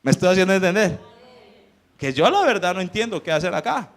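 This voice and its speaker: A man's voice: high voice, big pitch swings, a little fast. A man preaching a sermon as pastor, firing rhetorical questions at the congregation. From Colombia.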